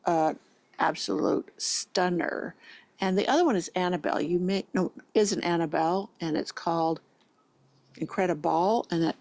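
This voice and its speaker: A woman's voice: on the low side, darkish tone, no room sound. A woman with braces that slur her S sounds, chatting casually and thinking aloud to viewers as a gardening vlogger. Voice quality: slurred, lisping S sounds from braces. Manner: informal, thinking aloud, addressing viewers directly. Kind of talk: casual rambling vlog chat, sometimes reading plant details aloud.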